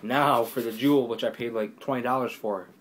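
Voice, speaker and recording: A young man in casual, rambling chat, excitably showing off discs he ordered, with lots of fillers. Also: medium pitch, brisk, noisy background. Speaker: YouTuber reviewing discs.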